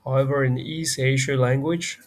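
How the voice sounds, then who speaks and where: A man's voice: mid-range voice, steady tone, moderate pace. A man with a Burmese accent, a native Burmese speaker, teaching a beginner language lesson and repeating each example phrase twice.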